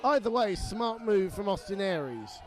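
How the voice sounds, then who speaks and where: A man's voice: high-pitched, very animated, normal speed. A man giving wry, opinionated colour commentary on a live wrestling match in a conversational way. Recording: noisy arena recording.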